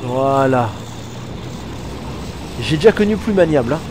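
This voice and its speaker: A man giving casual, excitable commentary while playing a war game, swearing and talking back to the game. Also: medium pitch, a little slow, background noise. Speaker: let's play gamer. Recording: game music under voice.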